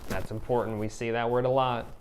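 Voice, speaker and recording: A male kindergarten teacher giving a recorded lesson, speaking clearly, praising and pausing for the children's answers. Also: mid-range voice, flat delivery, a little hiss or hum.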